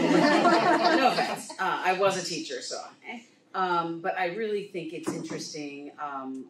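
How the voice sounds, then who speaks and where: A tired woman whose voice is a little rough from a late night, introducing herself offhandedly as an author on a panel. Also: low voice. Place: indoor convention panel room. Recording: roomy, distant mic, faint noise.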